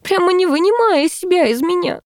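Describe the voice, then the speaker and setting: A woman reading an audiobook puts on a heartbroken young woman with a thin, high whimper that keeps rising into a plaintive squeak. The delivery is close and dry, with no room sound around it. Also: normal speed, a little mellow, no room sound. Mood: sobbing. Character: tearful young woman, ashamed and distraught. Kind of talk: audiobook character voice.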